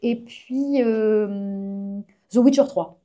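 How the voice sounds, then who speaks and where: A woman's voice: medium pitch, very slow, mellow. A woman, a comic artist and science journalist, chatting casually and enthusiastically as a guest on a live stream.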